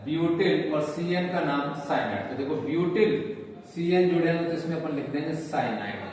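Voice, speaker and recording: A man teaching chemistry in a patient, repetitive way, often calling students "beta". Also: fairly high pitch. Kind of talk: classroom lecture. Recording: roomy echo, distant mic, faint noise.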